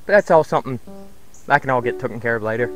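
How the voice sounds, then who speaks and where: A homesteading vlogger leads a rambling, folksy walk-and-talk tour of his backyard farm outdoors, thinking aloud as he goes. His mid-range voice is lively, rapid-fire and a bit bright, recorded roughly on a camera mic with soft background music.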